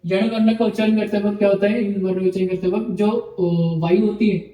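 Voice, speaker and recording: A man with a high voice lectures on Sanskrit in an online video, speaking briskly in a steady, mellow tone. He explains step by step, recites letters one at a time, and keeps checking in with "ठीक है" and "okay" as he repeats himself. The audio is poor, with an echoey room sound.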